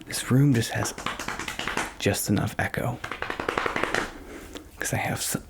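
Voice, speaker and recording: A man doing casual ASMR, rambling and thinking aloud in a hushed, often whispered voice, close to a microphone in a small home studio. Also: medium pitch, slow. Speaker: ASMR video creator. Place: small home studio bedroom with acoustic panels. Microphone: stereo XLR microphone, close up. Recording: clear background noise, clicks.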